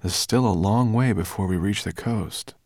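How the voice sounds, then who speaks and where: A man voices an earnest, eager boy who is planning a journey, pitching up above his own natural voice while still landing fairly low. He speaks at normal speed with a slightly mellow tone, recorded with a clean studio sound and no room sound.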